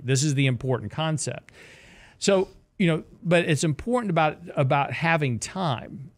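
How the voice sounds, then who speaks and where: With a mid-range voice and no echo, a sixties-aged investment strategist hosts a casual financial advice show, joking, chatting, and restating points as he explains.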